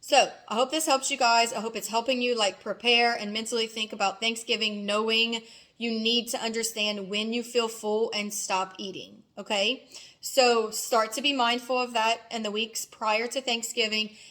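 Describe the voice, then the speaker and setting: A woman's voice: a little high, fairly even intonation, moderate pace, sharp tone. A woman giving casual vlog advice as a fitness coach, emphatic and directive, often checking in with the listener. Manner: emphatic, directive, frequent "okay?" check-ins.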